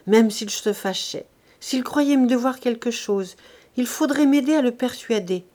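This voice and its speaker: A woman reading an audiobook, voicing a gentle, motherly young woman who coaxes her friend tenderly. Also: on the high side, a little slow, natural voice. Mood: coaxing. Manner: coaxing and tender.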